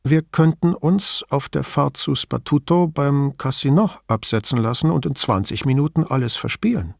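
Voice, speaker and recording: A man's voice: medium pitch, lively intonation, normal speed, creaky, a little mellow, no echo, studio quality, pitched above the performer's own voice. A man reading an audiobook, voicing an outspoken woman investigator who flares into indignant outbursts. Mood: wry.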